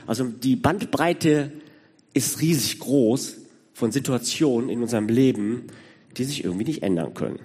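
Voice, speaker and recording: A man's voice: medium pitch, moderate pace, darkish tone, slightly rough, in a large hall. A man in his sixties giving a sermon in a conversational way, speaking directly to the congregation. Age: 60s. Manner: conversational, addresses listeners directly. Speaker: preacher.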